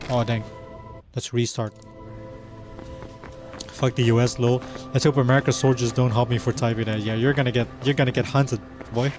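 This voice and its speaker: A man's voice: mid-range voice, level tone, moderate pace, pauses often, music in the background. A Dutch man streaming a game live, chatting casually with his viewers and laughing between lines. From Netherlands. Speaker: livestreamer. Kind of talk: casual chat while gaming live.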